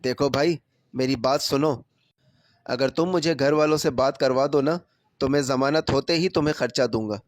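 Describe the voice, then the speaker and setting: A man's voice: mid-range voice, no echo, natural voice. Give me a man playing a young prisoner begging to call his family, in a dry storybook read. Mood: pleading. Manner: pleading. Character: young man jailed, pleading his innocence.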